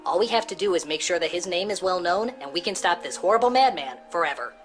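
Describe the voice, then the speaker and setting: A woman's voice: expressive, quick pace, soft background music, close to an everyday voice. A woman playing an earnest, overwrought narrator of a campaign video in a comedy sketch. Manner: earnest, escalating into shrill.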